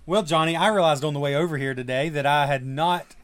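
A man with a thick deep Southern US accent and slightly mumbled diction, bantering casually as a podcast co-host. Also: fairly quick, fairly bright tone.

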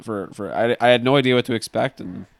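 A man's voice: medium pitch, fast, creaky, no echo. A young man in his twenties co-hosting a podcast, chatting casually and hesitantly with many fillers. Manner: hesitant, lots of ums and likes. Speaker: podcast co-host. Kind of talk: casual chat.

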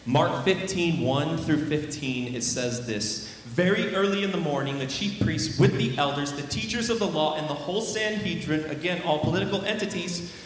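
A man with a fairly high voice delivers a sermon, pressing his points home with sudden shifts in pace and force. The sound is heavily echoey, with long reverb, as if recorded in a large hall, and a faint ambient hum sits underneath. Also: moderate pace. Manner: emphatic, varies pace and loudness for stress. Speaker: pastor.

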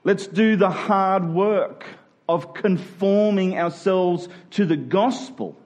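Slow-paced and high-pitched with a darkish tone, an Australian-accented church pastor preaches a sermon. He keeps it earnest and conversational, often asking his listeners questions.

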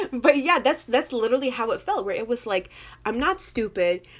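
As a guest in a casual chat, a young woman of Moroccan family background, raised in an English-speaking country, recounts lively personal stories. She speaks at a moderate pace in a fairly high pitch, laughing often and using lots of fillers.

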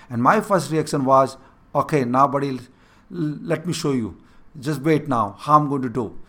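His voice is a little high and a bit bright. A Hindi-speaking man with an Indian accent, he mentors a younger person on leadership with earnest coaching and keeps repeating the main points.

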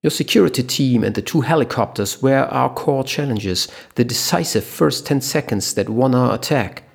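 A man voicing a ruthless, calm male terrorist leader in a spoken thriller story, cold and businesslike. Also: medium pitch, vocal fry, breathy edge.

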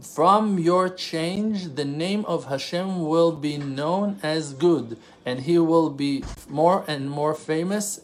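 An Israeli man whose first language is Hebrew gives a spontaneous religious lesson, earnest and emphatic, with rhetorical questions. He speaks haltingly, pausing and correcting himself as he translates. His voice is slightly high, and the low-quality recording carries a little hiss or hum.

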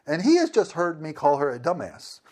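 A man's voice: fairly high pitch, brisk. A man casually telling a funny anecdote, acting out both sides of a conversation and laughing along. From United States. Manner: animated, acts out dialogue with laughs. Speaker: storyteller.

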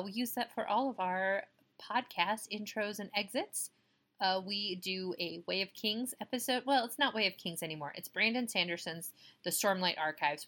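Woman on a low-quality recording, chatty. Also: fairly bright tone. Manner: chatty, thankful and joking. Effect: poor sound quality, recorded without the usual microphone. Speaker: podcast co-host. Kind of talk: casual podcast sign-off. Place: home, late at night.

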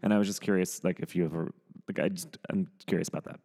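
A man with a very low voice asks questions in a loose, chatty, rambling way. His voice carries the long reverb of a big, echoing hall. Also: fairly even intonation, fast, mellow. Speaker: interviewer. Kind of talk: casual chat.

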